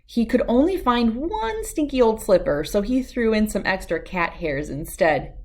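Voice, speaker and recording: Narrating a children's story aloud, a woman with a slightly high voice reads with expressive, dramatic, deliberate phrasing.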